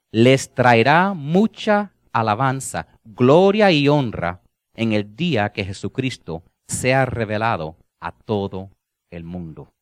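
Predicador animado, voz muy expresiva. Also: male voice, no echo, studio quality. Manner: animated, sweeping from soft low endings to loud emphatic lines. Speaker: preacher. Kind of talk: sermon.

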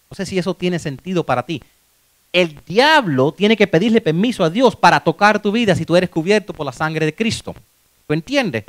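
Animated high-voiced male preacher in his 50s. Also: no echo. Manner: animated, mixes in English words, acts out voices. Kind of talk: motivational sermon.

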